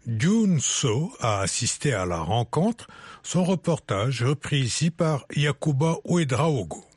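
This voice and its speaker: A man presenting radio news as anchor, reading introductions to reports in a measured, formal way. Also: medium pitch, big pitch swings, slightly rough.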